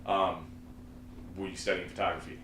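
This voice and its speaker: A man's voice: low voice, little pitch movement, normal speed, echoey room, noisy background. A man hosting a loose, chatty interview, with lots of fillers and laughter, in a room with a couch. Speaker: host. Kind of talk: casual interview chat.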